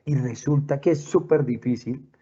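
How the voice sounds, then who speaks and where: A husky man speaks earnestly to parents, mixing his own stories with questions for them. His pitch is mid-range, and the sound is slightly dull, like a lo-fi video call. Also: normal speed, warm tone. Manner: earnest, storytelling, asks questions. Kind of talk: talk to parents, told from his own life. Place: at home, with pets nearby.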